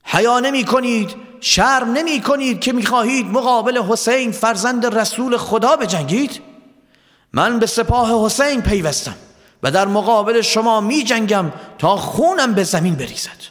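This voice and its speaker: A man voicing a remorseful male army commander who talks in a pleading, halting way, in a told story. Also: high voice, pitched above the performer's own voice. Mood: defiant.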